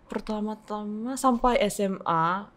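A woman in her twenties with a Korean accent, a native Korean speaker talking Indonesian as a foreigner, carefully and haltingly in a casual interview. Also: medium pitch. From South Korea. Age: 20s. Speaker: podcast guest. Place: small podcast studio, indoors. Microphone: desk microphone.

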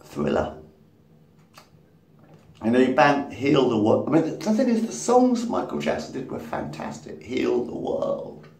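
Filmed on a phone at arm's length in a small room, a vlogger in his fifties rambles casually to camera, cursing and chuckling at his own jokes. His mid-range voice swings hugely in pitch at a measured pace, with a darkish tone. Captured from a distance, the audio has roomy echo and faint background noise.

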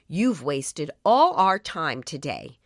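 A woman's voice: on the low side, big pitch swings, unhurried, fairly bright tone, no room sound, studio quality, voice pushed down, exaggerated voice. A woman voicing a group of cross adult villagers who scold sternly in a storybook reading. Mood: angry.

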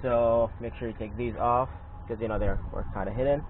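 A man casually narrates his engine job outdoors beside a car. He talks in halting bursts, filling gaps with "uh," and explains each step as he goes. Faint outdoor noise sits under his voice. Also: mid-range voice, steady tone, phone-quality sound. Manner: halting, many fillers, explains as he works. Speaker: amateur car mechanic vlogger. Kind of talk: casual how-to commentary.

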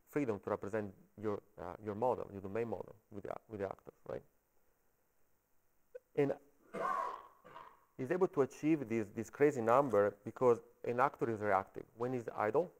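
A man with an Italian accent giving a technical talk at a meetup, halting and often checking in with the audience. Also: fairly low pitch, darkish tone, rough recording. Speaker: conference speaker. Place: coworking space meetup room.

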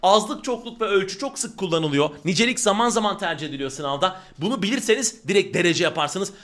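A man teaching a grammar lesson, talking straight to his students in an emphatic, animated way. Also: sits high, a little fast. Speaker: Turkish teacher.

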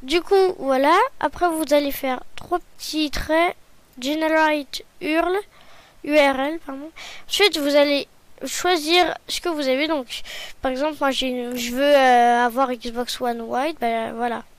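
A woman hosting a software tutorial, talking hesitantly and often correcting herself with apologies. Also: high voice, steady tone, unhurried. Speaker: tutorial host. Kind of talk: screen-recorded software tutorial.

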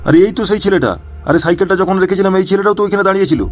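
A man's voice: high voice, faint music behind. A man voicing an angry, accusing bike owner in a cartoon, giving orders. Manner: bossy, accusing, rapid. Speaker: cartoon voice actor. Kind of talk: cartoon voice dubbing.

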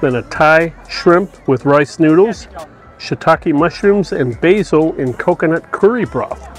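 A man's voice: fairly high pitch, lively intonation, unhurried, faint music behind. A man co-hosting a food review outdoors, describing dishes and reading out menu items. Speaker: food vlogger co-host. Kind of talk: casual food review chat.

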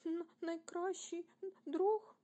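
A woman voicing a cautious, sensitive little boy dinosaur in a storybook reading, with a high, questioning childlike voice. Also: very animated, moderate pace, a little mellow. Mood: tearful.

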